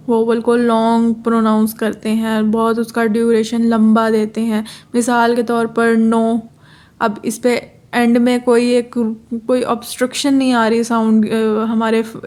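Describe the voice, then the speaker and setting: A woman's voice: a little high, a little mellow. A woman with a Pakistani accent teaching a phonetics lesson, repeating key terms, giving examples and correcting herself as she goes. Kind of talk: lecture in Hindi-Urdu, explaining English phonetics.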